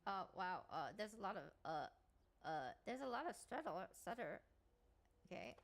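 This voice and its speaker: A young woman streamer chatting casually on a live stream, playful and thinking out loud with giggles. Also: medium pitch, sing-song, moderate pace, creaky.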